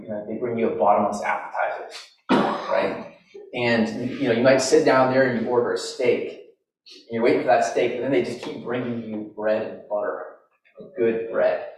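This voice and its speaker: A middle-aged man preaching into a pulpit microphone, in a relaxed, conversational way with frequent restarts. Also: mid-range voice. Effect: speaking into a pulpit microphone. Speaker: pastor. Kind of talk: sermon. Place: large church sanctuary. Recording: very echoey hall from far off, faint noise.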